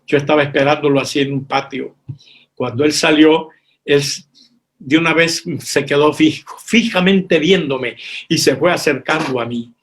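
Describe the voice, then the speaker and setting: A man's voice: fairly high pitch, moderate pace, fairly bright tone. A reverend telling a missionary testimony from the pulpit, speaking with strong emotion, repeating his words and calling his listeners brothers and sisters.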